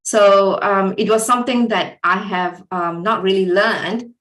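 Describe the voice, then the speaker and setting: A woman's voice: medium pitch, steady tone, a little slow, fairly bright tone. Hesitant woman in an echoey room. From Singapore. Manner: hesitant, many ums. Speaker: guest. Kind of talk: interview answers.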